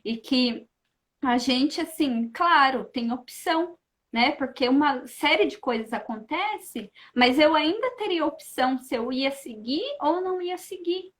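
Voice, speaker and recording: A woman's voice: sits high, measured pace. A woman, a guest in a casual chat, telling a personal story animatedly and often tagging her sentences with questions. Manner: animated, keeps adding questioning tags; acts out her own past thoughts in lively asides.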